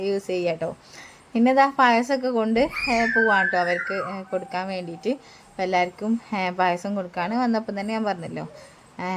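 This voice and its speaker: A young woman talks through her family vlog as a casual voice-over. She speaks quickly at an ordinary middle pitch. Her chatty delivery is full of friendly sentence tags and short filler pauses. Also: a little hiss or hum. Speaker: family vlogger.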